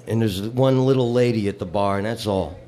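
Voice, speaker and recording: A man's voice: on the low side, fairly quick, warm tone. A man performing a live comedy set, telling bar jokes with rambling, wisecracking patter between them.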